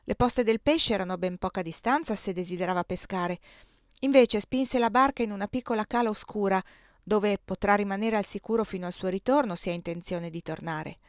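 A woman reading the part of an eager young male servant who tells his news excitedly and insistently, in a dry close recording. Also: mid-range voice, fairly quick, dry recording, close to an everyday voice.

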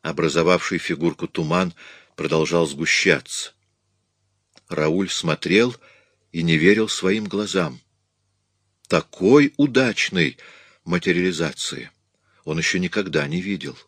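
Deep-voiced man narrating a story. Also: a little slow, long pauses, fairly bright tone, slightly rough, no echo, studio quality. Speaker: audiobook narrator. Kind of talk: scripted narration.

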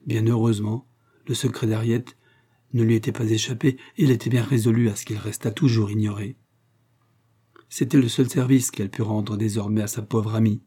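A man narrating a classic novel in a calm, measured reading voice. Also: fairly low pitch, slightly rough. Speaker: audiobook narrator. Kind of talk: scripted narration.

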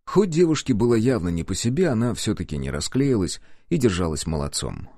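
A man narrating an audiobook in the first person, with expressive storytelling. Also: fairly low pitch, fairly quick, dry recording, studio quality.

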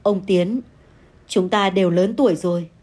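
A woman doing a calm, firm older wife. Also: mid-range voice, normal speed, lightly acted. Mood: firm pleading. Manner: calm, steady, scolding.

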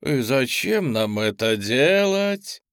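A man voicing a sinister male demon with a hoarse, gloomy smoker's voice and a taunting manner. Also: mid-range voice, big pitch swings, takes it slowly, no room sound, studio quality. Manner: taunting, menacing.

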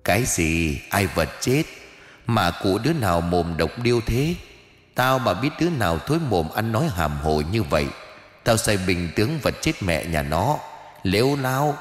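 A man's voice: lowish voice, sing-song, moderate pace, reverberant, in a large hall. A man voicing a pompous, irritable old male ancestor ghost sorcerer who scolds and boasts in an audiobook. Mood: indignant. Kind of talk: audiobook character voice.

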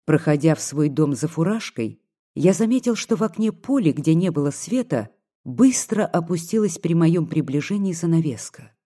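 A reader narrating a literary story in a measured, even storytelling manner. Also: mid-range voice. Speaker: audiobook narrator.

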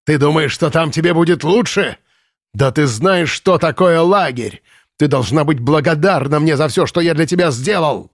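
A man reading the part of a drunk, raging male Nazi camp commandant in an audiobook, shouting and ranting in a bullying, unhinged way. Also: sing-song, drawn-out words, gravelly, dry recording, clean studio sound, exaggerated voice. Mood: furious. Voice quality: shrill, furious shouting.

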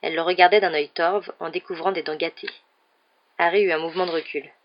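A woman narrating an audiobook in a steady, measured storytelling voice. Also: lowish voice, muffled recording.

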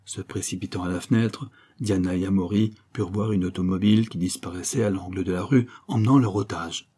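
A man reading a serial novel aloud as audiobook narrator, measured and literary. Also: deep voice, warm tone, breathy edge. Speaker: audiobook reader.

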